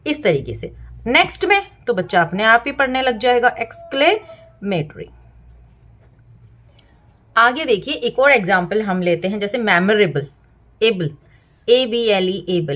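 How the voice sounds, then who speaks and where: A woman's voice: on the high side, a bit bright. Woman teacher spelling out words aloud. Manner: breaks words into parts, spells letters aloud; repeats "theek hai" as a check-in. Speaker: parenting and teaching channel host. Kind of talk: explanatory home tutorial.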